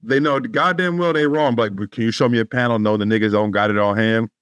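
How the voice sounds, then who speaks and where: A man's voice: fairly low pitch, fast talker, fairly bright tone, smooth, no room sound. A man co-hosting a podcast, debating casually in street slang with some swearing. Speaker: podcast co-host.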